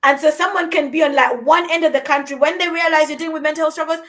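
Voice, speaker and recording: Woman, from Uganda, high voice, earnest, encouraging, podcast host. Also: fairly even intonation, fast talker, fairly bright tone. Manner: earnest, encouraging, repeats words as she goes. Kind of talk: conversational podcast talk. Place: London.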